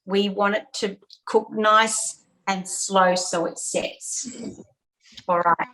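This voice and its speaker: A woman's voice: medium pitch, steady tone, slow pace, pushed and bright, poor audio. A woman hosting an online cooking lesson for kids, chatty, repeating key steps with fillers, on a video call. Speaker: cooking class host.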